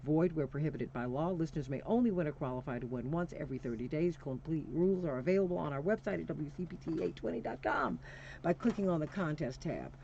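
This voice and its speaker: A woman's voice: low voice, fast talker, vocal fry, dark tone. A woman hosting a radio show, reading out a contest promo like a chatty announcer. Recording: dull lo-fi radio sound, noisy.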